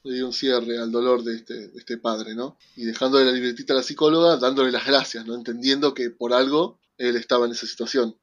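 Brief: animated Rioplatense male co-host, mid-pitched voice, dull lo-fi recording. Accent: Rioplatense Spanish. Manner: animated, excitable, switches fast to slow. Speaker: podcast co-host. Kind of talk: casual chat recapping a TV series.

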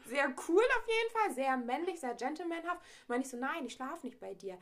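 A woman's voice: sits high, big pitch swings, brisk, fairly bright tone. A young woman in casual podcast chat, animatedly retelling a date and acting out both sides of the dialogue. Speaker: podcast co-host.

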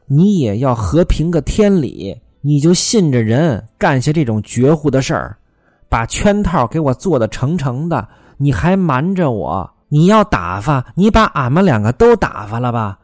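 A man's voice: medium pitch, darkish tone, dry recording. A male storyteller voicing a grieving, furious young servant woman who wails and hurls accusations in a raised voice, in a dry, close recording. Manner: wailing, accusing outbursts.

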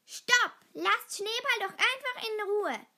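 A fierce young she-wolf scolds in a storybook reading, voiced by a woman. The voice is high and bright, and it comes out sharp and forceful. She speaks slowly and firmly. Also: heavily acted. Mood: angry. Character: bold young female wolf.

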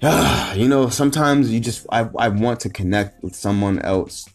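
A man with a fairly low voice delivers an unscripted motivational rant, swearing constantly and circling back over the same points. He restarts his sentences and pushes into loud, frustrated bursts of emphasis. Faint music plays behind him. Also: unhurried, creaky. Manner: profane, repetitive and rambling, with frequent restarts. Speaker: motivational vlogger.

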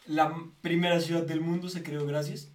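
Wisecracking man, slightly high. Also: level tone, normal speed, far from the mic. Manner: wisecracking, crude asides. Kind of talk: casual chat.

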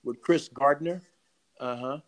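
A man's voice: medium pitch, a little slow, a crowd in the background. An older man, an author and poet, telling stories in a casual interview, repeating himself and laughing often.

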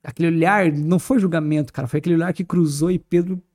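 A man with a Brazilian accent, a podcast guest, telling stories in a fast, animated way in a studio. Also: a little high. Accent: Brazilian Portuguese. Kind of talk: casual podcast talk on faith.

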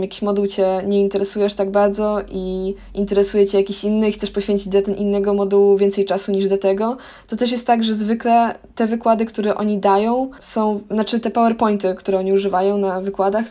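A woman's voice: mid-range voice, little pitch movement, a little fast, mellow. A young woman, a university student, explaining things in a casual advice chat with many fillers. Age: young adult.

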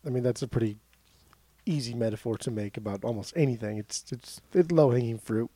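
A man's voice: mid-range voice, a little fast, mellow. A man co-hosting a casual music podcast, talking in an easygoing, reflective way. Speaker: podcast co-host.

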